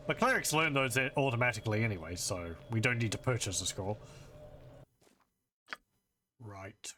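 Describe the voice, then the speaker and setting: Male game player, bright mid-range voice, casual muttered running commentary, some noise behind. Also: medium pitch, animated, unhurried, pauses often. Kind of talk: casual gameplay commentary, reading dialogue aloud.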